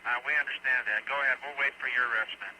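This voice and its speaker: A man talking as an astronaut over a spacecraft radio link, giving brisk, clipped procedural replies. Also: mid-range voice, fairly even intonation, very noisy. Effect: heard over a spacecraft radio link. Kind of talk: mission radio exchange.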